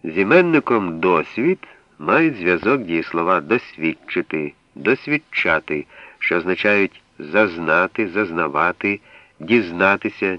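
A man with a very low voice reads from a language guide in a measured, explanatory way, pausing to set apart single words. The sound is dull and lo-fi, like an old radio recording, and very dry with no room around it. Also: no room sound. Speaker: reader of a language usage guide. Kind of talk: scripted reading.

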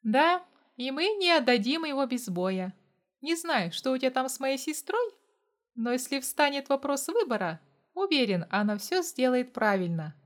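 A woman's voice: high voice, lively intonation, moderate pace. A woman voicing a cocky, protective young man in an audiobook, smug and mocking in manner.

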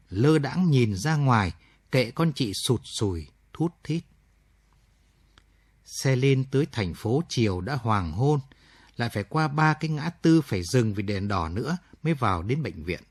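A man narrating a late-night radio story in a measured, somber reading. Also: mid-range voice, darkish tone, husky, dry recording.

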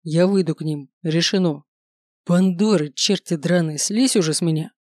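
A reader doing a gruff, mocking demon man. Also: mid-range voice, normal speed, a little mellow, dry recording, clean studio sound, natural voice. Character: mocking male demon incubus, gruff and sardonic.

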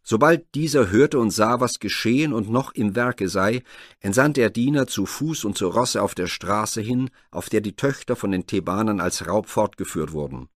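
A man narrating a classic Greek myth as a scripted audiobook reading, measured and formal. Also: lowish voice, animated, no room sound, clean studio sound.

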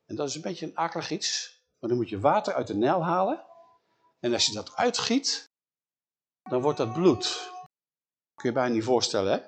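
A man retelling a Bible story in an animated way, often checking in with his listeners. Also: medium pitch, normal speed, long pauses, slightly rough.

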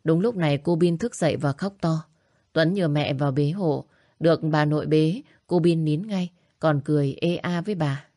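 A woman narrating a family story in a steady, even reading voice. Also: deep voice, moderate pace, no echo, studio quality.

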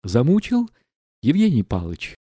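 A feverish, dying young man, shaking yet scornful, his words half accusation and half plea, as a male reader puts him on. The voice sits dark and mellow and close to a dry mic, rising into sharp outbursts. It is storybook audiobook acting. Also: mid-range voice, huge pitch swings, moderate pace, no room sound, pitched above the performer's own voice. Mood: trembling defiance. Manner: shaky, commanding, bitter. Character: feverish dying youth, trembling, defiant.

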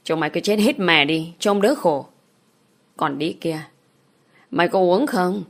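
A woman voicing a drunken, abusive village father in an audiobook, cursing and threatening in a lowish voice. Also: animated, a little slow. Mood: raging.

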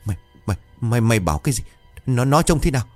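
A man's voice: mid-range voice, very animated, a little fast, darkish tone, no echo, faint music behind, lightly acted. A man voicing a terrified old male landlord who stammers and barks orders. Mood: panicked.

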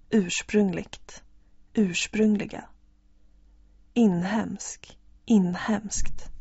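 Woman, vocabulary drill, mellow husky voice, dry dull lo-fi sound. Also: mid-range voice, dry recording. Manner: reads single words slowly and evenly. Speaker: language teacher. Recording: dull lo-fi recording.

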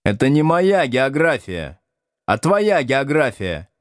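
A cocky young male teacher, put on by a man reading an audiobook snaps orders at his class in a sharp, scolding voice pitched well above the reader's own. The delivery is lively and commanding. The recording is close and dry. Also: takes it slowly, no room sound.

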